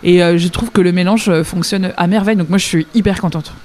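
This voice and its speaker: A woman's voice: lowish voice, fast talker, darkish tone. A woman musician being interviewed on the radio, talking chattily and enthusiastically, with frequent restarts and easy laughter. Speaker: musician guest.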